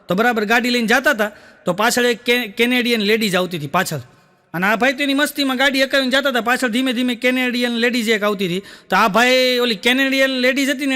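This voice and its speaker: High, bright Kathiawadi comedian man. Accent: Kathiawadi Gujarati. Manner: storytelling, tags jokes with a repeated "listen" aside. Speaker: stand-up comedian. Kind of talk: stage joke-telling. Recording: long hall reverb.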